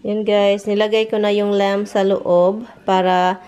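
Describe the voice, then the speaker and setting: This is a woman chatting casually to her viewers from home, mixing Tagalog and English. She speaks at a slow, unhurried pace with a mid-pitched voice. A faint hiss of noise sits behind her. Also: flat delivery, dark tone, low-quality recording. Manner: mixes Tagalog and English, chatty, talks to her dogs in a high sing-song baby voice. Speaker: vlogger. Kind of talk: casual home vlog chat. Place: home kitchen and garden.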